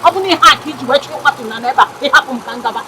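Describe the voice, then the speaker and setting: A Nigerian woman playing an angry young woman who confronts her friend in rapid Igbo mixed with English. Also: sits high, natural voice. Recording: loud street noise.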